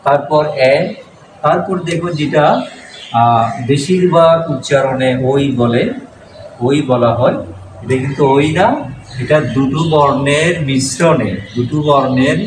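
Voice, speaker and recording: A man's voice: on the high side, unhurried. A man, a Buddhist monk, teaching a class how to pronounce letters, patiently repeating each sound and quizzing his students. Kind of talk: classroom pronunciation lesson. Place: classroom with a board. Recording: echoey room, distant mic, noise.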